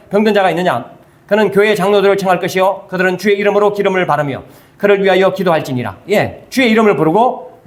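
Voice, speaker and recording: A man preaching a sermon, who asks the congregation questions, answers them himself and reads scripture in a measured way. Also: high voice. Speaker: pastor. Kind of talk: sermon, Bible review.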